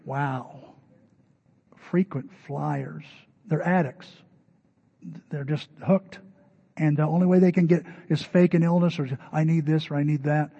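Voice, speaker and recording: Middle-aged man preaching, soft to booming. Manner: conversational, swings from loud emphatic peaks to soft low asides. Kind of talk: sermon. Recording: dull lo-fi sermon recording.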